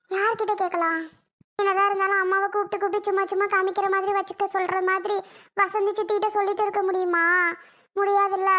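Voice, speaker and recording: A woman's voice: very high voice, fairly bright tone. A woman voicing a tired young mother in a cartoon, fretful and soothing toward her crying baby. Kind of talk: cartoon voice acting.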